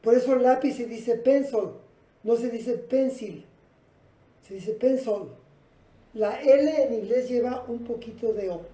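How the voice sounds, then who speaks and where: A woman teacher gives a patient, step-by-step classroom lesson, talking straight to her students. Her voice is dark and mellow yet sits fairly high. The sound is roomy and echoey. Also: normal speed. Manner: patient, explanatory, addresses students directly. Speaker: English teacher.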